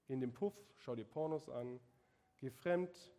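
A man's voice: mid-range voice, a little slow, warm tone, natural voice. A man voicing a male devil who taunts and belittles the listener in a sermon. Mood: tempting.

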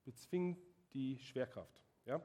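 A man's voice: mid-range voice, lively intonation, takes it slowly, mellow. A man preaching a sermon, emphatic and asking the congregation direct questions.

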